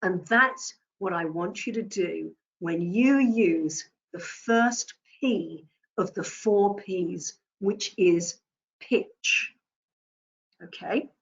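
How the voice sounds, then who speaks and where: A communication coach teaches presentation skills in a deliberate, emphatic way, shifting her word stress to drive home each point. Her voice is mid-range and the sound is lo-fi.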